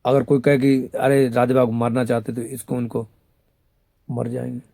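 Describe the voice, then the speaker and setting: A man's voice: mid-range voice, level tone, moderate pace, gravelly, warm tone, no room sound, studio quality. A man giving a rambling devotional talk as a spiritual guide, scolding and mocking his listeners between teachings, and speaking of himself as a female companion of the goddess. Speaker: devotional guru.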